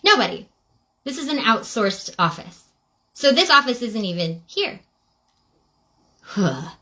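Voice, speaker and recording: A woman's voice: a little high, sing-song, measured pace. Sarcastic, indignant woman ranting. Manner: sarcastic, indignant, addresses "ladies and gentlemen". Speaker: podcast host. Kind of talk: angry monologue to viewers.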